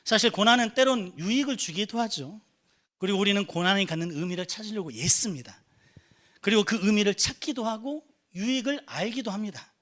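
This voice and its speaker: Earnest young man preaching, lively pitch. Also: fairly quick. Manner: earnest, conversational preaching with rising emphatic peaks. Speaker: youth pastor. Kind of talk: sermon. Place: church.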